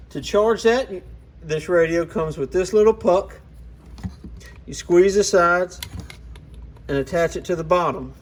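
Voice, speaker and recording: A man with a slightly high voice walks through a product hands-on in a casual way, explaining things plainly and informally. He's a product reviewer who hosts his own channel, and there's a faint hiss or hum on the recording.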